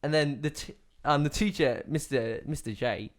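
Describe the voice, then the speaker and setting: A man's voice: on the high side, normal speed. A teenage man co-hosting a podcast, telling a story in a loose, rambling way with restarts. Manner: rambling, self-correcting storytelling with laughs. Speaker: podcast co-host. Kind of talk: casual storytelling.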